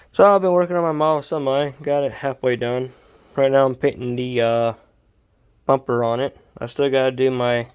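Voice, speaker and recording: A man's voice: mid-range voice, clear, resonant tone. A man filming a casual update on his model truck late at night, sleepy and rambling in an easygoing way, stopping to correct himself. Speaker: RC hobby vlogger. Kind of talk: casual build update vlog.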